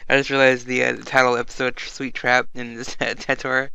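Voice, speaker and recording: A man's voice: medium pitch, little pitch movement, fairly quick, gravelly, sharp tone, smooth, dry recording. A man co-hosting an anime review in casual chat, reacting to the plot and laughing often. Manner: chatty, laughs often, quotes characters.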